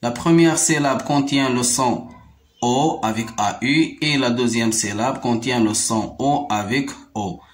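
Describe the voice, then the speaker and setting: A male teacher with a Moroccan accent drills French sounds for young children. He talks at a very slow, careful pace, saying each word twice or three times and stressing every syllable. His pitch sits in an ordinary middle range. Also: a little hiss or hum. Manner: repeats words slowly syllable by syllable, explains in Arabic too. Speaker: primary school teacher. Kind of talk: slow, deliberate French phonics lesson.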